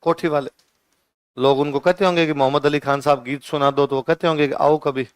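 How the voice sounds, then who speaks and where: A male teacher giving an exam-prep lecture with a Rajasthani Hindi accent. He keeps asking questions and answering them himself, and he dictates notes slowly, saying each line more than once. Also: fairly high pitch, steady tone, clear, resonant tone, dry recording.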